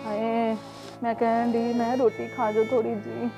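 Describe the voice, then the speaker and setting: A young Punjabi woman, crying and distraught, lamenting loudly and dramatically as she speaks in an emotional news interview. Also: fairly high pitch, completely flat delivery, moderate pace. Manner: dramatic, loud lamenting with repeated wails. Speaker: grieving wife of a police officer interviewed. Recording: news clip with music laid over. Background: music.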